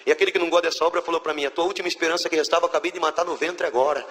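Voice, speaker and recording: A high-voiced man with a Brazilian Portuguese accent tells a religious testimony with fervor, speaking quickly and acting out what each person said. His tone is bright and forceful. The sound carries the long echo of a church hall. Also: steady tone. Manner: fervent storytelling, quoting others' words. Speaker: church member giving testimony.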